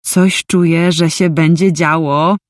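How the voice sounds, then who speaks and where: A woman voicing an excited, teasing young female friend in an audiobook. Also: low voice, slow pace, dry recording, clean studio sound.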